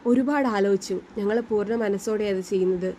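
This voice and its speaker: A woman's voice: mid-range voice, a little fast, a little hiss or hum, close to an everyday voice. A woman voicing a kind young man who happily reassures his close friends. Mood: reassuring. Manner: gentle, reassuring.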